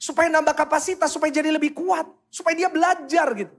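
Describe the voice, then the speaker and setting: A man with a fairly high voice delivers a lively sermon in with a lilt. He preaches animatedly, firing questions at the congregation and briefly acting out voices to make his point. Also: fast talker. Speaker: pastor.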